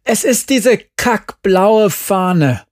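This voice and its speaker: A man voicing a tough, heartbroken young girl who curses and shouts in an audiobook reading. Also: fairly high pitch, measured pace, dry recording, clean studio sound, voice pushed up, close to an everyday voice. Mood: furious. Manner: shouting, cursing, tearful. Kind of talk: audiobook character voice.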